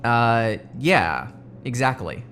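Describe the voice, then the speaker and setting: A weary doctor at a secret research site played by a woman in an audio drama. The speech is casual, muttering and halting, with animated pitch movement. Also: soft background music, exaggerated voice. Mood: halting, awkward.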